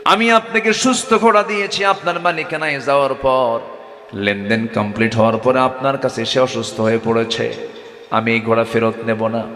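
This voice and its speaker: A man's voice: mid-range voice, steady tone, moderate pace, fairly bright tone, close to an everyday voice. Stubborn, argumentative horse trader played by a male preacher, echoey hall sound. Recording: echoey hall with long reverb.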